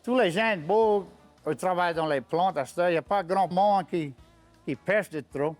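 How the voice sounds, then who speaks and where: A man's voice: sits high, normal speed, faint music behind. A man with a Cajun French accent, chatting casually and repeating himself. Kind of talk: casual chat.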